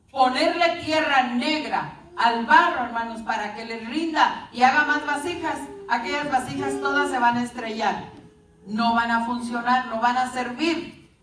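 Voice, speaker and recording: Slow, high-voiced woman preacher. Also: a bit bright, a little hiss or hum. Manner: storytelling, addressing the congregation as brothers. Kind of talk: sermon. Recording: echoey room, distant mic.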